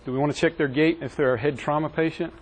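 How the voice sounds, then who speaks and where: A man's voice: on the high side, steady tone, quick pace, poor audio. A man teaching a classroom EMS training session, quizzing his trainees and joking with them. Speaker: EMS instructor.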